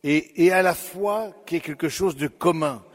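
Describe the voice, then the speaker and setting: A man with a voice on the high side delivers a slow, reflective sermon, speaking directly to his listeners with pauses and fillers. The sound has the feel of a big room.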